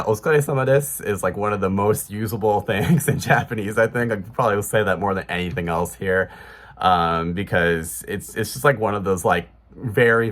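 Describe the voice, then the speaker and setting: Low-voiced man with a Chicago accent. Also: fairly bright tone. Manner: rambling, many fillers and restarts. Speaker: vlogger. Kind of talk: casual talk to camera.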